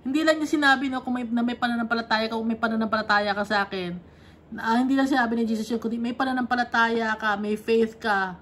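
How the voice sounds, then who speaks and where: A woman's voice: fairly high pitch, fairly even intonation, quick pace, fairly bright tone, a little hiss or hum. A woman leading a conversational Bible study, reading verses and explaining them, often checking in with her listeners. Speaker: Bible teacher.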